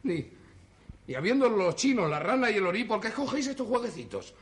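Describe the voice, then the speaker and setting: A wisecracking skeptical friend. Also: male voice, sits high, big pitch swings, fairly quick. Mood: exasperated. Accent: Spain Spanish. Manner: joking, wisecracking. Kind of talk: 1960s TV stage play acting.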